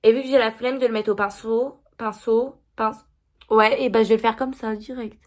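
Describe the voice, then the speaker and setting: A woman's voice: on the high side, fairly even intonation, normal speed. A young woman filming a casual makeup vlog, chatty and self-mocking, stumbling over words with many fillers and apologies. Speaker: vlogger.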